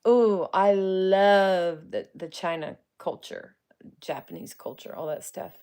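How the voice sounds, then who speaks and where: Speaking slowly in a mid-range voice that is dark, clear and resonant, a woman in her forties who works as a psychic medium and paranormal live streamer responds to viewer comments. The chat is casual; she laughs a lot, addresses people by name and uses colloquial grammar.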